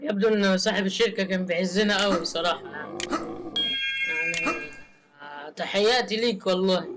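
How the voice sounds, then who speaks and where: A man with an Egyptian Arabic accent commentating his gameplay in a joking, excitable way, often laughing. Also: high-pitched, brisk. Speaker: gamer. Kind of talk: let's play commentary.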